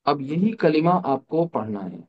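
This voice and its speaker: A man's voice: on the high side, sing-song, measured pace, highs cut off. A man teaching an online class, explaining step by step, asking rhetorical questions and mixing English terms into his explanations. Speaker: Arabic teacher.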